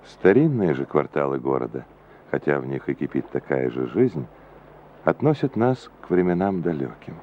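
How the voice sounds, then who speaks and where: A man narrating an old newsreel in a measured, formal announcer manner. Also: a bass voice, very animated, slight background noise. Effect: old Soviet newsreel sound. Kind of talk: scripted documentary narration. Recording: dull lo-fi 1980s newsreel audio with music.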